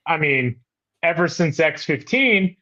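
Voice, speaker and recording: Guy cohosting an aviation podcast, kinda high voice, dull lo-fi sound, keeps restarting mid sentence. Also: animated, measured pace, pushed and bright. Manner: explains eagerly with repeated restarts. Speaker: podcast co-host. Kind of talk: casual aviation podcast chat.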